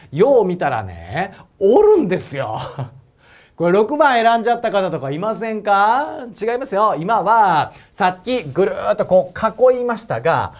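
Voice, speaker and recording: Man, Osaka accent, physics lecture, chatty and joking, animated pitch. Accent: Osaka Japanese. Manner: chatty, asks viewers questions, laughs at own jokes. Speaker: prep school physics teacher. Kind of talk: whiteboard lecture to camera.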